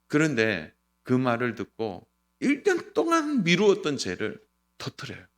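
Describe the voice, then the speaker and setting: Lively, earnest male pastor preaching. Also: medium pitch, measured pace. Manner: lively, earnest preaching with sudden loud and soft turns. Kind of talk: sermon.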